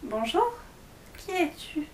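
A woman's voice: very high-pitched, sing-song, slow pace, a little hiss or hum, pitched above the performer's own voice, heavily acted. A woman voicing a friendly forest salamander who kindly explains and guides, recorded in an echoey room.

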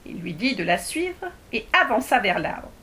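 A woman reading a children's storybook aloud, expressive, sometimes dropping toward a whisper. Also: mid-range voice, normal speed.

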